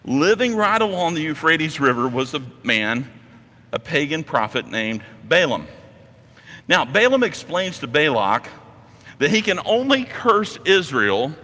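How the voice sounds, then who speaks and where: Bright-voiced man preaching in a reverberant hall. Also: on the high side. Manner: emphatic storytelling with repeated phrases. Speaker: pastor. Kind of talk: sermon.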